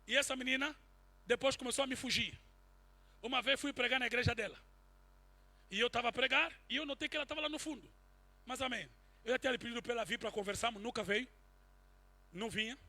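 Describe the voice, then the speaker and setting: Male preacher, very high voice, sharp and bright, animated sermon delivery. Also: quick pace, pauses often. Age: adult, married since 2010. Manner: animated, swings from quiet to shouting. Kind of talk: sermon with personal testimony.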